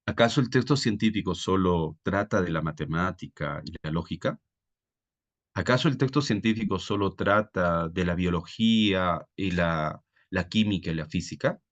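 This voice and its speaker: In a muffled recording, a man with a Peruvian Spanish accent teaches a live online reading-comprehension class for exam prep. He speaks at normal speed in a low voice, explaining didactically and putting many questions to his students.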